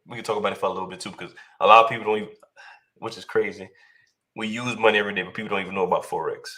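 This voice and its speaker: Man, podcast host, slightly low voice, agreeable, halting speech. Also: steady tone, pushed and bright. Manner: agreeable, halting, with fillers and restarts. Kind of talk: casual interview chat.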